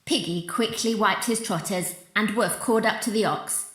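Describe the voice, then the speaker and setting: A woman, a children's author, reading her storybook aloud in a slow storytelling way. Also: mid-range voice, fairly bright tone. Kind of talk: storybook narration. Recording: roomy room with faint music.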